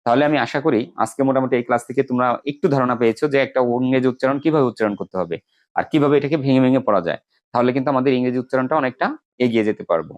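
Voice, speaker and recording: Speaking in a mid-range voice, this Bangladeshi-accented man walks students through English grammar one step at a time. He slows down to repeat important words.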